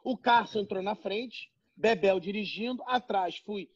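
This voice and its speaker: A man's voice: high voice, measured pace. A man telling a story to friends in casual chat, acting out the people in it. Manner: animated, acts out voices in quotes. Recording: dull lo-fi sound.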